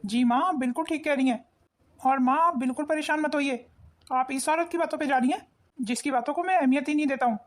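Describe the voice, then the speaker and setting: A woman voicing a hot-tempered, abusive young husband in an animated cartoon, harsh and bullying. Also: high-pitched, fast talker, natural voice. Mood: angry.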